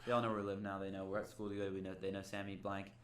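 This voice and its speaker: A man's voice: low-pitched, completely flat delivery, racing, a bit bright, slight background noise. A young man co-hosting a podcast, chatting loosely with friends and swearing freely. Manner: loose, profane banter. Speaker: podcast co-host. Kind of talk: casual chat.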